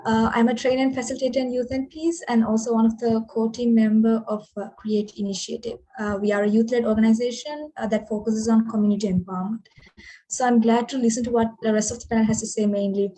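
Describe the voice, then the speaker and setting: A woman from Sri Lanka, giving a polite, measured introduction as a panelist and trainer. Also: fairly high pitch, fairly even intonation, dark tone, low-quality recording.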